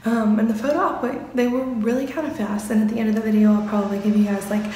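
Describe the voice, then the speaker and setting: A young woman chatting excitedly as a vlogger, filming herself on a phone held at arm's length. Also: on the high side, fast, slightly rough, rough recording. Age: young adult. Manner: chatty, excited fan talk. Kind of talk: casual vlog chat. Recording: phone vlog with background noise.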